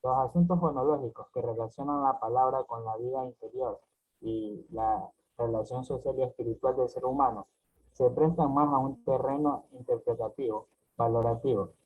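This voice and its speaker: A man presenting to his class, reading his text in a careful, measured way. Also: mid-range voice, breathy edge. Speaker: student presenter. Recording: tinny phone-like call audio.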